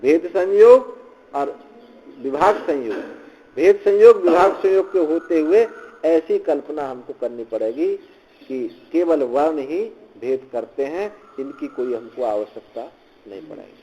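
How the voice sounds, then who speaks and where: Man, swami giving a scripture lecture, slow deliberate pace, slightly high voice, recites then explains. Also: lively intonation, mellow, highs cut off, a little hiss or hum. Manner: recites Sanskrit then explains in Hindi, repeats phrases.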